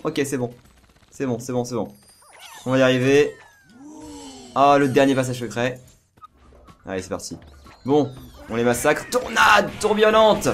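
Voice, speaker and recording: A man hosts a let's play in a hoarse, worn voice of medium pitch. He chats casually and excitedly, often firing off the same word several times in a row. Game music plays behind him. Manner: repeats words in quick bursts. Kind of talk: casual excited gameplay commentary. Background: video game music.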